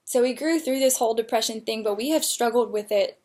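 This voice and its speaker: Young woman, candid personal testimony, emotional, filler words, slightly high voice. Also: a little fast, a little mellow. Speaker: storyteller.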